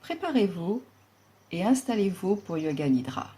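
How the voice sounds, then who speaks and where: A female yoga instructor guides a relaxation in a lowish voice, calm, soothing and deliberate, leaving long pauses.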